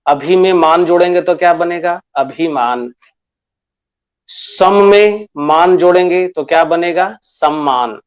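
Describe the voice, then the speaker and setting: A man from Bihar teaching a class lesson, slow and deliberate, repeating key phrases and calling his pupils children. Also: fairly high pitch. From Bihar, India. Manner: repeats key phrases and asks questions to himself.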